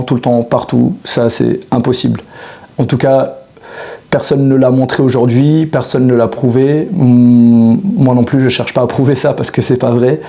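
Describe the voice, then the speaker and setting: A fitness coach in his thirties talks reflectively to the camera in a casual monologue. His voice is mid-range and warm, and his speech is full of hesitations and restarts.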